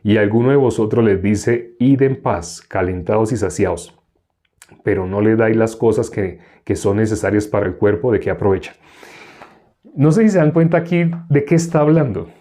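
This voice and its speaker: Man, sermon, warm dark tone, rhetorical questions, mimicking voices. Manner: rhetorical questions, mimics pleading religious voices higher and slower. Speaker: preacher.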